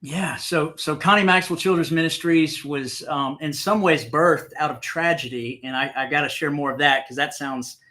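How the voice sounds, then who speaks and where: Bright-voiced Southern man telling a story. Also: fairly high pitch, moderate pace, few pauses. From South Carolina. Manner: earnest storyteller with some restarts. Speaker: guest, nonprofit executive. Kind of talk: conversational storytelling.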